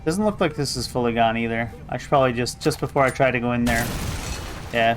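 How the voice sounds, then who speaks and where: A man's voice: mid-range voice, fast, noisy background. A man streaming a video game, giving casual commentary and musing aloud to himself.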